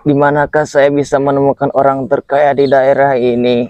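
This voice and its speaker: A man's voice: medium pitch, completely flat delivery, normal speed, a little mellow, clean tone, no echo, dull audio, natural voice. A young man playing a mysterious old beggar grandfather, stern and righteous, speaking in a solemn, declamatory way in a school drama. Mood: calm. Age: young adult. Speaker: student actor.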